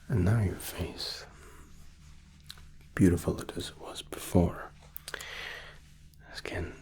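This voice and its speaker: In a whispered ASMR spa roleplay, a man plays a therapist, gentle, soothing and softly reassuring. His voice sits low.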